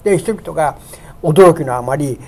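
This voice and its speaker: A pastor's sermon, given in a church sanctuary, climbs to forceful peaks on key words and eases off to read scripture slowly. His medium-pitched voice carries a dark tone and lively intonation.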